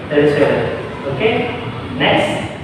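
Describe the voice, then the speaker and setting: A male school counselor leading a group counseling session, patiently explaining and checking that everyone understands. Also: takes it slowly. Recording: echoey room from far off, noisy.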